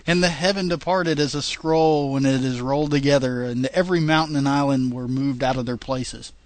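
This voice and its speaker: A man's voice: medium pitch, fairly even intonation, brisk. A man co-hosting a casual podcast, reading old scripture aloud and tripping over its wording. His voice sits in an ordinary middle range. The sound is dry, with no room echo. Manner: reads long passages with stumbles and laughs at the wording. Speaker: podcast co-host.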